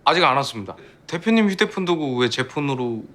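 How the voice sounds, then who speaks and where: A man's voice: mid-range voice, animated, fairly quick, fairly bright tone, natural voice. An actor playing an eager, chatty male editor in a TV drama, fussy and deferential. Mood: polite, eager. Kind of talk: Korean TV drama acting.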